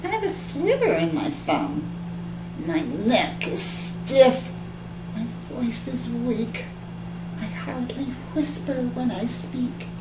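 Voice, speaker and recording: A woman's voice: medium pitch, animated, takes it slowly. Peggy Ann McKay, a woman playing a whiny girl. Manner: dramatic complaining, sometimes near whisper. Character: whiny little girl faking sickness. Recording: echoey room with background hum.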